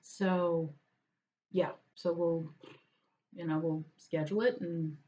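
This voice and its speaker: A woman's voice: lowish voice, steady tone, slow, warm tone. Chatty woman with a muffled, lo-fi sound. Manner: chatty, meandering, talks to her cat aside. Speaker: vlogger. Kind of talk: casual chat over lunch. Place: at home.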